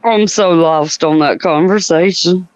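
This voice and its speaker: A woman hosting a casual group chat, talking in a laid-back, drawn-out way. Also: on the low side, darkish tone, no room sound. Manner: laid-back, drawn-out talk with frequent laughter. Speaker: panel host. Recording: dry, muffled call audio.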